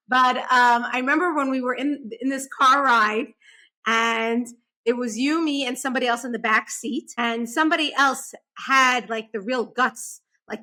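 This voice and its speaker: Bright-voiced bubbly woman podcast host. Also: a little high. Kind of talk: casual interview chat.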